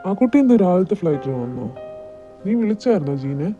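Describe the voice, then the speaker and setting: A woman's voice: fairly low pitch, very animated, fast talker, dark tone, highs cut off, soft background music. A woman voicing a fond middle-aged father who asks after his daughter.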